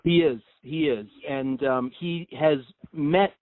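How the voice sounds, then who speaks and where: A man in an earnest business phone conversation, halting and repeating phrases for emphasis, heard over a phone line. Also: a little high. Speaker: prank caller posing as a company representative. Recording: tinny narrow-band phone line.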